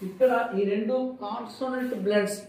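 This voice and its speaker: A man's voice: very high-pitched, fairly even intonation, brisk, darkish tone, slight background noise. A man teaching a phonics lesson in a classroom style, who asks questions and then answers them himself, drilling the words over and over. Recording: very echoey room.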